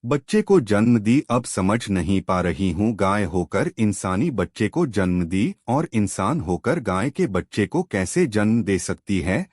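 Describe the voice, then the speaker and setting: A man's voice: fairly low pitch, sing-song, unhurried, hardly any pauses, a little mellow, no room sound, clean studio sound. A man voicing a bossy mother-in-law in a cartoon story, who scolds her daughter-in-law and fusses over her cow. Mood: fussing. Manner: scolding and fussing.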